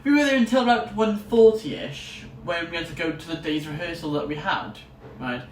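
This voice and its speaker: A young adult man, a student vlogger, chats casually to the camera in an enthusiastic, rambling way. His voice is fairly high and his speed normal. The recording has a roomy echo, a distant mic and faint noise.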